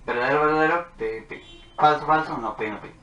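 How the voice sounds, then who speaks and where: This math teacher's voice sits on the high side, brisk, pushed and bright, and the sound is lo-fi. He explains a logic lesson methodically, talking while writing out truth tables, in an echoey room with faint noise.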